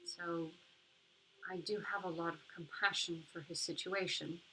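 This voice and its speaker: A woman leading a guided meditation in a soft, gentle, soothing way, leaving pauses between short phrases. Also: on the low side, fairly even intonation, a little hiss or hum, rough recording. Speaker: meditation group leader.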